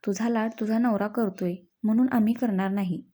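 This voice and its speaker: A woman's voice: medium pitch, steady tone, fairly quick, warm tone, natural voice. Woman reading a grumpy older brother. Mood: grumbling. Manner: gruff, scolding.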